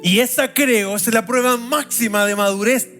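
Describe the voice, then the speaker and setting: A Chilean pastor with a strikingly high voice delivers a sermon in church. He draws his phrases out in a sing-song preaching cadence and turns casually to the congregation now and then, with faint music under him. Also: normal speed, fairly bright tone. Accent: Chilean Spanish.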